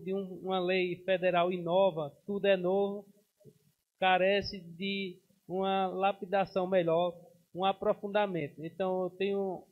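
A Brazilian city councilman in his thirties delivers a formal speech at a council session from a podium microphone. His high voice stays flat and steady in tone, though he often hesitates, pausing and restarting. The broadcast audio is dull and muffled.

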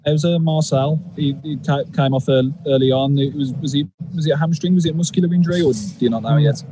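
A man's voice: a little high, fairly even intonation, quick pace, noisy background. A man, a sports journalist, asking casual, hesitant questions at a press conference.

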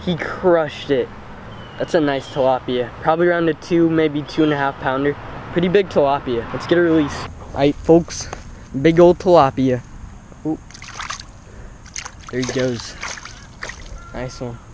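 Beside a pond, a young fishing vlogger talks straight into a wearable action camera, giving live running commentary as he fishes. His slightly high voice keeps a measured pace with long pauses, but he's excitable and bursts into exclamations every time a fish bites. A faint hiss runs beneath the outdoor recording.

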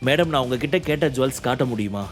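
A man's voice: medium pitch, lively intonation, quick pace, soft background music, close to an everyday voice. A man voicing an unbothered young man who brushes off insults in a cool, teasing way. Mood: offhand.

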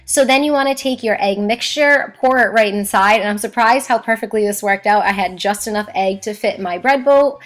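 A woman's voice: medium pitch, moderate pace, hardly any pauses. A woman hosting a casual cooking vlog, chatting upbeat through step-by-step recipe instructions. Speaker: recipe-testing vlogger. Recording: roomy echo with faint background music.

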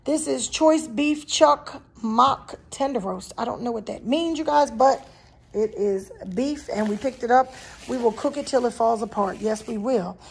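A woman vlogger with a slightly rough, somewhat high voice and some vocal fry chats casually with her viewers at a measured pace. In a folksy way she shows off a grocery haul in her home kitchen, filmed on a handheld phone held behind the camera.

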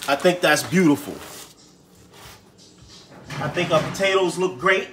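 A man's voice: on the high side, a little slow, a bit bright, slight background noise. A man hosting a home cooking show, talking casually to viewers in slang while he fills potatoes. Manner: slangy, chatty, talks to viewers as he cooks.

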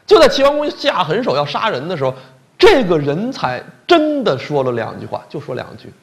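A male lecturer telling a story with comic flair, colloquial and animated, often turning to the audience with questions. His voice is fairly high, swings widely in pitch and has a gravelly texture. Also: normal speed.

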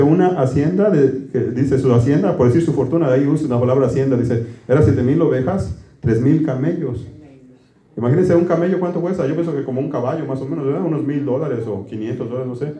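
A man's voice: a little high, dark tone, echoey room. A man preaching a conversational sermon, folksy and quizzing his congregation with questions. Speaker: pastor.

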